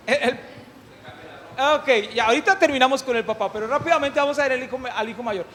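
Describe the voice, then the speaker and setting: A man preaching a sermon, animated and humorous, often putting questions to the congregation. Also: extremely high pitch, fast. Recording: long hall reverb.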